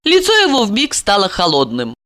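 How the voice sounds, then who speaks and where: A woman narrating an audiobook in an expressive, dramatic reading style. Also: moderate pace, no echo, clean studio sound. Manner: expressive, acts out the heroine with high cries.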